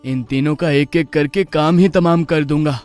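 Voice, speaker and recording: A man's voice: on the high side, fairly even intonation, normal speed, darkish tone, soft background music, natural voice. A man voicing a jealous, resentful young male calf in a cartoon story. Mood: scheming. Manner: bitter and resentful.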